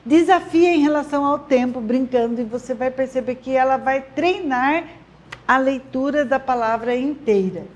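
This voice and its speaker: A woman's voice: sits high, moderate pace. A woman teacher with a Brazilian Portuguese accent giving encouraging advice to parents on teaching children to read, with many tag questions. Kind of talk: friendly advice talk to parents.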